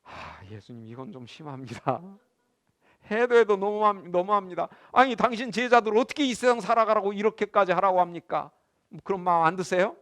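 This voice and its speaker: A man's voice: sits high, a little fast. A middle-aged man giving a Bible lecture to a class as a professor, acting out little scenes and putting questions to the room. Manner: animated, acts out scenes and asks the class questions.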